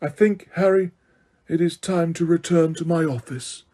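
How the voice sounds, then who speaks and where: A man voicing a calm, quiet elderly wizard. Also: high voice, a little slow, breathy edge, pitched above the performer's own voice, heavily acted. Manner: quiet, soft-spoken.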